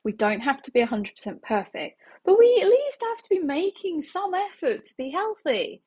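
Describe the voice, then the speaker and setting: A woman's voice: very high-pitched, big pitch swings, moderate pace, a little mellow. A woman in her thirties, a healing practitioner, talking casually to camera from her living room, chatty and laughing often. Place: small home living room, indoors.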